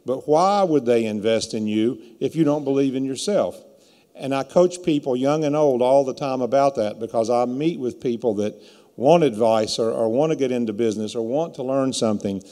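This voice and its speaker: A man in his fifties with a hoarse, rough voice gives a plain-spoken, emphatic motivational keynote speech into a stage microphone. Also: mid-range voice, normal speed, dark tone. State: hoarse from yelling all day. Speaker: keynote speaker, entrepreneur. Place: indoor brick-walled event venue, on stage. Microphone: stand microphone at lectern. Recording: echoey hall with long reverb.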